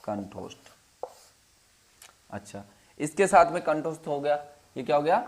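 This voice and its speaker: A man teaching a Hindi class, asking questions and repeating the answers in a steady drill, his voice dropping low and quiet on each answer. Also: brisk. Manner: drops to a low, quiet voice when giving the answers. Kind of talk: classroom lesson.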